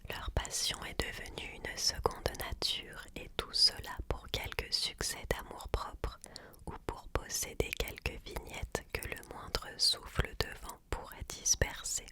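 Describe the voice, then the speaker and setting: A person reading a book aloud as ASMR in a hushed library whisper, slowly and deliberately. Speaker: ASMR reader.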